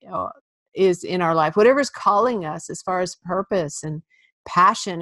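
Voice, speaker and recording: A woman hosting a podcast as a life coach, speaking in an earnest, upbeat and deliberate way. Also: lowish voice, dry recording.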